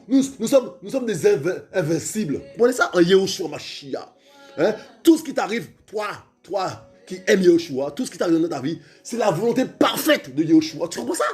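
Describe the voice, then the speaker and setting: Fervent high-voiced male preacher. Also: sing-song, fairly quick, soft background music. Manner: fervent, repetitive, calls out to listeners, stammers, shouts at times.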